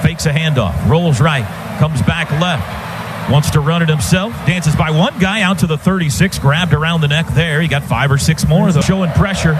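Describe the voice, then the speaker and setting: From a radio booth at the stadium, a male sports announcer with an American accent calls the football action in clipped phrases. His pitch is fairly high and his speed normal, heard over the din of a noisy live broadcast.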